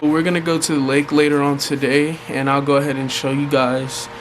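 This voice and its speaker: An American man with a slightly high voice chats informally through a home tutorial, addressing viewers in a relaxed, colloquial way. A fan hums clearly in the background of the recording. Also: brisk. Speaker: vlogger giving a fishing bait tutorial. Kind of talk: casual how-to vlog chat. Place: hot room at home with a fan running. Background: fan noise.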